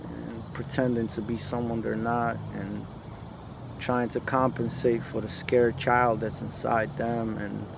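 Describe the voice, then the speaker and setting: With a creaky, level, mid-range voice and background noise around him, a post-Soviet podcast host reflects aloud in a casual monologue, stumbling, repeating himself, and leaning on slangy fillers.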